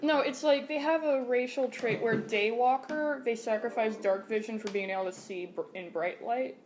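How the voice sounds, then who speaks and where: Higher-voiced woman cracking crude jokes. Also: crowd noise. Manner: joking, crude, quick quips. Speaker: player. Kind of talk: casual game chat.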